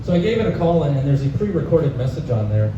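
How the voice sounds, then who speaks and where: Medium in pitch and sing-song, this young Canadian comedian talks fast through a casual live set, dropping plenty of "uh"s and laughing at his own material. He's in a pub comedy room before a live audience, recorded from afar with dull, noisy, echoey bar acoustics.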